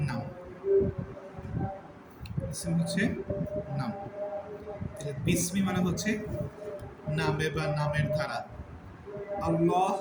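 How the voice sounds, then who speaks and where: A man with a slightly high voice teaches a religious lesson, going over each term again and again. He slows right down to stretch out the recited words. The recording is echoey, with a steady background noise. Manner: explains step by step, repeating terms and drawing out recited words slowly. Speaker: Quran teacher. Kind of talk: religious lesson on word meanings and recitation rules.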